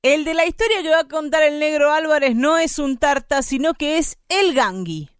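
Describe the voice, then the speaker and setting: A woman co-hosting a radio talk, explaining in a measured way. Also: high-pitched, no room sound, studio quality.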